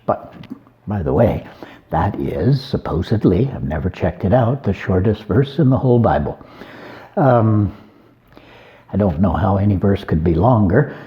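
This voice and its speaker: A man's voice: low voice, very animated, unhurried, highs cut off. A man, an abbot, giving an informal homily on a Gospel reading, conversational and folksy, with joking asides.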